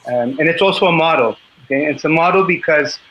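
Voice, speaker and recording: A Chilean man in his fifties, a native Spanish speaker, speaking as a guest on a group call in a halting way and often clearing his throat. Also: a little high. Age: 50s. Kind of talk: earnest talk on a call. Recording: dull lo-fi call audio.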